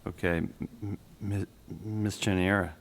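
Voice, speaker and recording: A man's voice: on the low side, steady tone, unhurried, slight background noise. A man acting as board secretary, reading out names for a roll-call vote and stammering over some of them. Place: school board meeting room.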